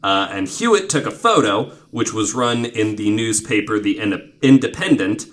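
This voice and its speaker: Telling casual stories on his podcast, this man in his 20s uses a lower, somewhat bright and expressive voice at a moderate pace. His talk is informal and sweary, heavy on filler "like"s.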